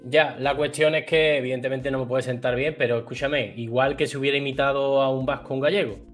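A man's voice: mid-range voice, fairly even intonation, fast, faint music behind. A man from Andalusia with an Andalusian accent, hosting a casual live chat and explaining his view earnestly at length. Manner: earnest, explains at length, does brief impressions. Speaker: host.

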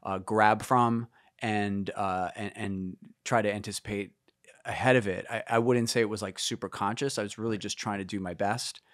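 Low-voiced man musing in an interview. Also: fairly even intonation, normal speed, a bit bright, no room sound, studio quality. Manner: reflective and meandering, many fillers and restarts. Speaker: guest musician. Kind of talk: casual interview conversation.

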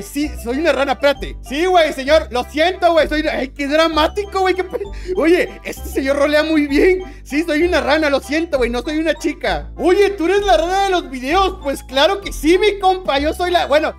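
A woman with a Mexican accent giving excitable, joking gameplay commentary, dropping slang constantly. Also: high voice. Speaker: gaming YouTuber.

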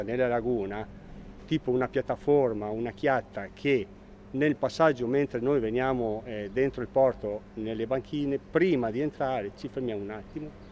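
A man's voice: medium pitch, a little mellow, slight background noise. A man, a fisherman in a casual interview, earnest and searching for words.

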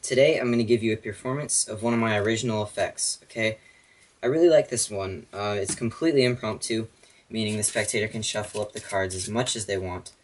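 Low-voiced young man, casual magician patter. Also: fairly quick, a little hiss or hum. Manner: casual patter, often checking with "okay?". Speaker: card magician and video host. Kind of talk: casual magic trick demonstration.

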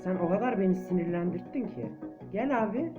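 A man's voice: high-pitched, lively intonation, brisk, highs cut off, music in the background. Jumpy young man narrating a horror game. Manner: jumpy, shrieks and chants when chased. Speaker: gameplay commentator. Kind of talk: let's play commentary.

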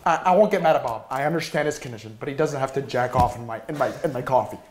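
A man's voice: mid-range voice, rapid-fire, crowd noise. A man in his twenties making a prank complaint call, stammering and repeating himself hesitantly. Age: 20s. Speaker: prank caller. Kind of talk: prank phone call posing as a complaining customer. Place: small indoor office room.

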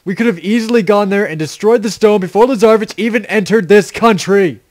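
A man's voice: sits high, a little fast, a little mellow, no room sound, natural voice. A man voicing a boastful, sarcastic, short-tempered adventurer in a parody game dub, with theatrical exasperation. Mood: indignant.

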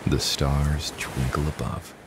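A man narrating a guided sleep meditation in a soft, hushed, soothing voice that at times drops to a whisper. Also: a bass voice, flat delivery, slow, background noise. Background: new-age music and ocean waves.

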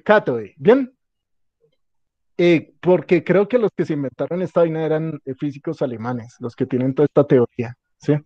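A male teacher whose voice is on the high side speaks at a moderate pace in an informal class, joking, repeating himself, and constantly asking if the students follow. The audio is dull, with no echo.

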